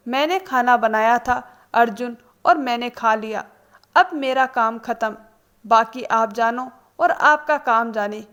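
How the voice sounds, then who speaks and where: Woman doing a cool steady young bride, firm, slow, kinda high voice. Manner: cool and measured. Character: calm, firm young daughter-in-law.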